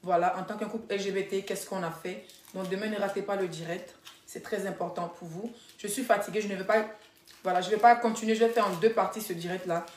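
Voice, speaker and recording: Speaking a little fast in a mid-range voice with fairly even intonation, a woman chats with her live-stream followers, telling stories casually and repeating points for emphasis. There's slight background noise, and the room echoes.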